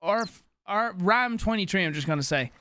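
A young man livestreaming from a small home room into a studio mic, reading out donor names and thanking them in a quick, loose patter. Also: high voice, lively intonation, bright, forceful tone, clear, resonant tone. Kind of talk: casual stream chat reading donations. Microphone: studio mic on boom, headphones on.

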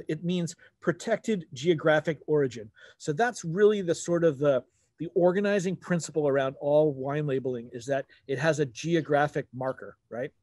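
A man's voice: on the high side, a little mellow, dry recording. A man in his forties giving a casual, explanatory wine talk, rephrasing as he goes like a conversational teacher. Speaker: wine webinar presenter. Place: outdoors at a garden table.

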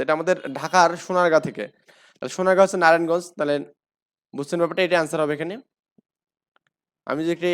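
Bangladeshi guy tutoring for exams, fairly high voice, keeps quizzing then answering himself. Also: smooth. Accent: Bangladeshi Bengali. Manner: asks questions and answers them himself; repeats key facts, frequent fillers. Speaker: exam-prep teacher. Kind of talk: explaining lecture.

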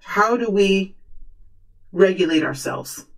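A woman speaking as a fortune teller, improvising a tarot reading in earnest, halting, repeated short phrases. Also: medium pitch. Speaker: tarot reader, host.

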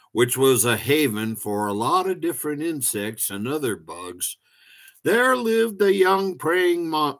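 A man reading a children's story aloud in a deliberate storytelling manner. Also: medium pitch, fairly bright tone.

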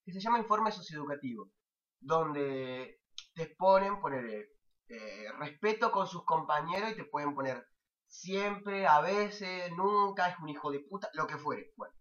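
Ranting with exasperation and profanity, this young Argentine vlogger recounts a casual anecdote in his Argentine Spanish accent. He sounds expressive, fairly bright and on the high side, speaking at a measured pace, while the distant mic gives dull lo-fi sound.

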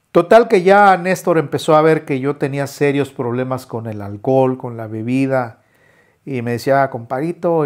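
A man, a musician telling his own life story in a halting way, with many restarts and filler words. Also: mid-range voice, darkish tone. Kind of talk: personal storytelling.

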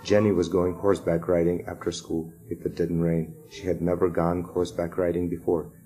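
Male reader, storybook narration for kids, low voice, faint music behind. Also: level tone, fairly quick, dark tone, poor audio. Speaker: reader for sixth graders. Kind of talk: reading a children's chapter book aloud.

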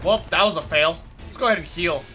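A young man giving casual, playful and excitable commentary while playing a video game. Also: fairly high pitch, fast. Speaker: gaming video host. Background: video game music.

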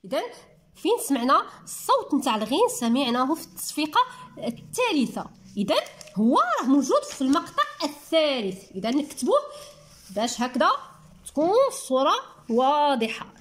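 A woman with a Moroccan accent teaching young children to read, sounding words out slowly one syllable at a time in a patient manner. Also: high voice, sing-song, fairly bright tone, a little hiss or hum. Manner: patient, talks to children as little ones. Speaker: primary school teacher. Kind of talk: reading lesson for young children.

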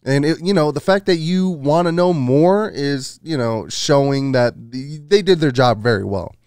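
A man's voice: on the high side, moderate pace, a little mellow, smooth, no echo. A man in his thirties giving a casual film review as a podcast host, informal and full of "you know" and "man", close on a studio microphone. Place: small home room studio. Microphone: close boom-arm podcast microphone.

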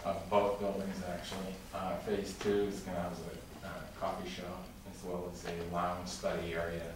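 A man making a halting public comment to a city council, full of fillers and restarts. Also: sits low, completely flat delivery. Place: large council chamber with tall windows. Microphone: room mic from far off. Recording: echoey chamber recorded from far off with noise.

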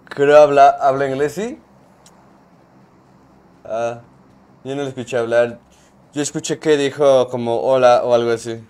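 A man's voice: mid-range voice, steady tone, a little slow, long pauses, a little mellow, smooth. A young man with a Mexican accent, chatting casually and joking while reading his stream chat aloud. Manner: joking banter, reads chat aloud, slangy.

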